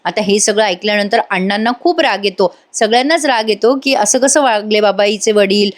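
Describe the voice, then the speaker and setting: A woman narrating a voice-over recap of a TV serial episode, telling the story lively and speaking directly to viewers. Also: mid-range voice, brisk.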